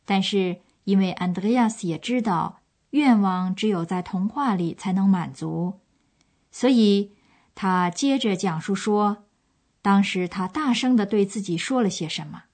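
A woman presenter reads scripted narration for a language course. Her mid-pitched voice explains and retells a story for listeners. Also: unhurried, a little mellow.

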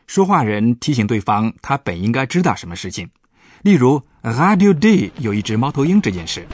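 A man's voice: mid-range voice, big pitch swings, moderate pace, darkish tone, no room sound. A man, a professor, patiently explaining German grammar in a radio language lesson.

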